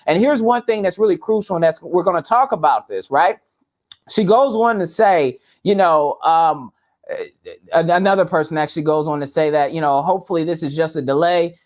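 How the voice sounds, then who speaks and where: A man with a fairly high-pitched voice co-hosts a relaxed political discussion. He reads news articles aloud and comments on them in an easy, conversational way. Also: moderate pace. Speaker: podcast co-host.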